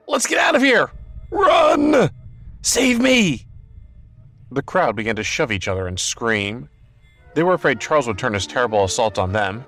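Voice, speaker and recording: Low-voiced guy reading an audiobook, steady and even, soft music under it. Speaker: narrator. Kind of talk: audiobook narration.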